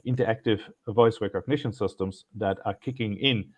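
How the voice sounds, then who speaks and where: A man's voice: on the low side, moderate pace, highs cut off. A man with a German accent in a panel discussion, wry and anecdotal, asking follow-up questions.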